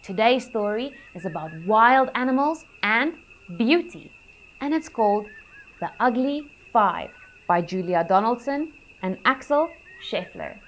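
A woman reading a rhyming picture book aloud for children, gentle and expressive. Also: on the high side, unhurried, a little hiss or hum. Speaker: children's storyteller.

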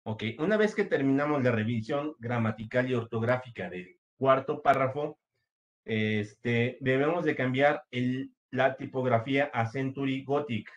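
Male teacher, unhurried and methodical, mid-pitched voice, talks through a screen-share lesson. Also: lo-fi sound. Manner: slow, patient, step-by-step with many fillers.

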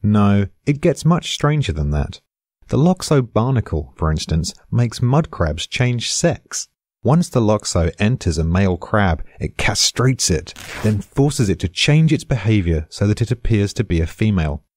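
A man's voice: fairly low pitch, big pitch swings, measured pace, darkish tone, no room sound. A British man giving a scripted podcast explanation in a dry, darkly amused way.

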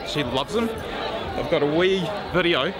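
A man's voice: a little high, expressive, normal speed, very noisy. A man chatting casually to camera. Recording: loud music and crowd behind, street camera.

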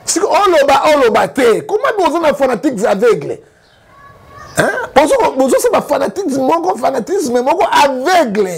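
A man from Congo with a Congolese French accent, giving animated political commentary full of rhetorical questions. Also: very high voice, normal speed, creaky. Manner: emphatic, rhetorical questions, frequent "hein?".

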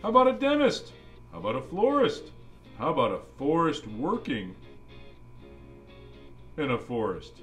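A man's voice: on the high side, big pitch swings, moderate pace, pauses often, fairly bright tone, soft background music. A man playing a jolly old Santa Claus, reading a children's storybook aloud with playful, musing asides to the kids. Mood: jolly, animated. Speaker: storybook reader.

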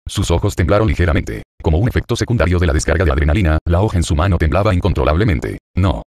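A man reads a serialized novel aloud in a deep, low register. He moves through the text at a brisk, steady pace. The sound is dry and close, with no room around it. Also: no room sound. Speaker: narrator. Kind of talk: audiobook reading of a translated web novel.

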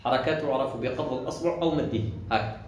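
A man teaching Quran recitation, drawing out sounds slowly as examples and then explaining quickly. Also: medium pitch, a little hiss or hum. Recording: very echoey room.

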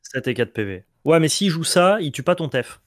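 A man co-hosting casual gameplay commentary, quick and excitable as he coaches his partner through each turn. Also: on the high side, no room sound, clean studio sound. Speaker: co-host advising the player.

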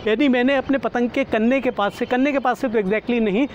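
A middle-aged kite flyer with a notably high voice gives casual vlog commentary on an open rooftop, talking fairly quickly and treating viewers as friends. His lapel mic has the highs cut off and catches faint urban traffic sounds.

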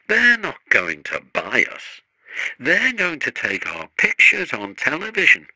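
A man's voice: a little high, huge pitch swings, a little slow, pushed and bright, dry recording, pitched above the performer's own voice, exaggerated voice, low-quality recording. A man voicing a good-humoured, teasing male engine driver. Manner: teasing and kindly.

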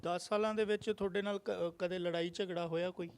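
Gentle male reporter, high voice. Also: fairly even intonation, brisk, clean tone. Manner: gentle questions, constant murmured hums. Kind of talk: news interview.

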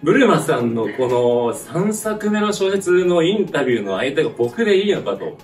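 Flustered young man with wildly swooping pitch. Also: big pitch swings, normal speed. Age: young adult. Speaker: junior performer, target of a prank. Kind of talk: casual chat. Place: small meeting room with hard walls. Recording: echoey room, distant mic, music behind.

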